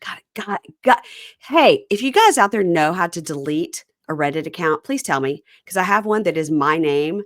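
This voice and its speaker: A Southern-accented woman from Mississippi hosts a casual podcast recapping reality TV, chatty and animated as she drifts off on tangents. Her voice is fairly low and her pace normal, recorded in a clean studio with no room sound.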